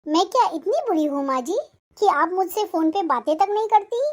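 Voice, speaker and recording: A voice actor playing a respectful elder daughter-in-law who speaks softly and pleadingly in an animated moral story. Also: extremely high pitch, a little fast.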